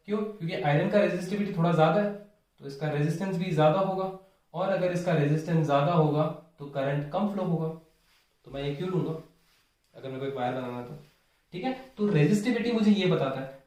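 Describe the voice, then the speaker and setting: Male tutor, higher pitch, step-by-step explainer; very echoey room, mic set back. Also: a little mellow, distant mic. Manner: explains step by step, checks in with "ठीक है" and "है ना". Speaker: physics teacher. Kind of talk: whiteboard lesson, Hindi mixed with English.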